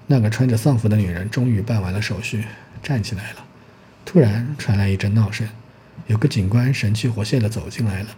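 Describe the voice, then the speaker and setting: A male audiobook narrator reads a novel in a steady, even storytelling manner. His voice is low and mellow, and faint noise sits in the background.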